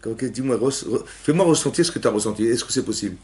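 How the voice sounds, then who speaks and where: Guy teaching a class, keeps asking questions, acts out cries and quotes, mid pitch. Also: animated, fast, a little mellow. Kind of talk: lively torah class, questioning students. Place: synagogue hall with young women students.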